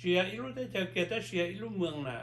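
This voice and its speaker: A man's voice: high-pitched, lively intonation, slow, a crowd in the background. A man interviewing an elder in casual conversation, giving short prompts and brief agreements.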